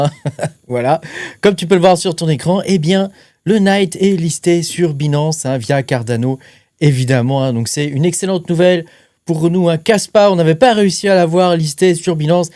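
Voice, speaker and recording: A man's voice: fairly high pitch, moderate pace, a little mellow, no echo, studio quality. A man hosting a crypto channel, talking casually to the viewer with lots of fillers and a tag question after almost every phrase. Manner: chatty, filler-heavy, keeps adding "hein". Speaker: crypto mining channel host. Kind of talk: casual explainer talking to camera.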